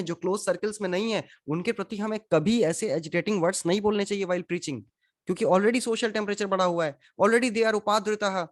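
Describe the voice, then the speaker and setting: A man leads a scripture class in a steady, conversational voice. He keeps asking his listeners questions and drops English phrases into his explanations. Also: high voice. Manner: questions the audience, mixes in English. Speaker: spiritual teacher. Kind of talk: Gita class lecture.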